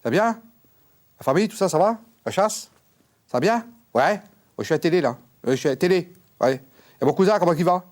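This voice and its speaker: A man playing a crude, boastful carnival owner who claims to talk to the dead, rambling and loud. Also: on the low side, animated, fast. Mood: bellowing. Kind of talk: mock TV interview sketch.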